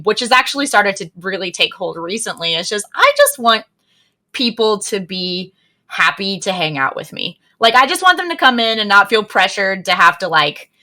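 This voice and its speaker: A woman's voice: mid-range voice, bright, forceful tone. A young American woman, a streamer being interviewed over a video call, chatty and laughing often as she talks about herself. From United States. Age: young adult. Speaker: streamer guest. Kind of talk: casual podcast interview.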